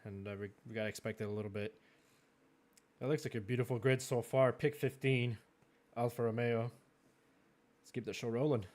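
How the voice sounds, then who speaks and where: French Canadian male host, mid-pitched, chatty, laughs often, loose filler-heavy draft commentary. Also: fairly even intonation, brisk, pauses often, a little mellow. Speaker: host of a racing league draft. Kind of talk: live-streamed draft commentary.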